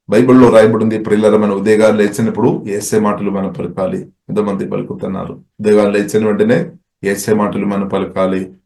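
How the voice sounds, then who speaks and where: Male preacher, low voice, repetitive sermon cadence, roomy echo. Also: mellow. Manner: repetitive preaching cadence with Hallelujahs and English words mixed in.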